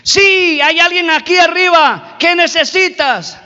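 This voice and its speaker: A man voicing God calling down from above, giving calm, reassuring commands. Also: very high-pitched, slow, pitched above the performer's own voice, heavily acted. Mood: commanding. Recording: reverberant hall, dull lo-fi recording.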